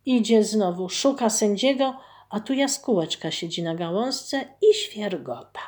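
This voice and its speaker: Slow, expressive woman telling a folk tale. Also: mid-range voice. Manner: expressive, unhurried storytelling. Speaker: storyteller. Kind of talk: reading a folk tale aloud.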